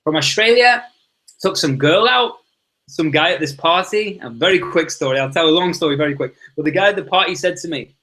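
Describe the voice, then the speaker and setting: Sharp-toned and fairly high-pitched, this Liverpudlian success coach talks a little fast with lively intonation during a casual podcast conversation, rambling eagerly and addressing people as "man" and "dude."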